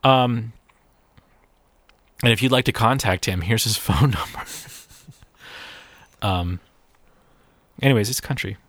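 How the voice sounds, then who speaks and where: A man's voice: fairly low pitch, slow, pauses often, fairly bright tone, dry recording. A young man co-hosting a podcast in a casual, rambling chat, with frequent restarts and laughs. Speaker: podcast co-host.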